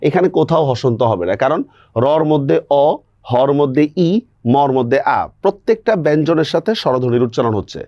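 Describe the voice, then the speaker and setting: Teacher explaining pronunciation rules. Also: male voice, mid-range voice, expressive, a little fast, mellow, no room sound, highs cut off. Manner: explains step by step, checks understanding often. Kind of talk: grammar lesson.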